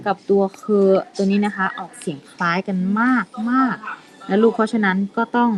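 A woman's voice: mid-range voice, poor audio. A woman teacher recording a pinyin lesson for children, patiently repeating each sound twice and calling her pupils "child". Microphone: self-recorded lesson.

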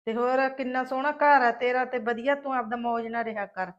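A woman's voice: a little high, fairly even intonation, brisk, dull audio, close to an everyday voice. A woman with a Malwai Punjabi accent playing a chatty, earnest young village daughter-in-law in a comic skit.

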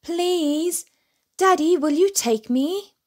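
A woman voicing an excited, impatient little bear cub in a storybook, squealing and eager. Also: very high voice, takes it slowly, pitched above the performer's own voice. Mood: pleading.

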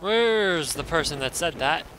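Excitable young man commentating his gameplay. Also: a little high, a little slow, noisy background. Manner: excitable, swearing, yelps and reacts loudly.

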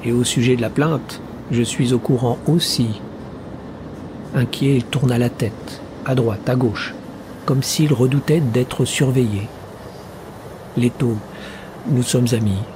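A man narrating a first-person story as an audiobook, in a measured, literary storytelling manner. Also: mid-range voice, noisy background.

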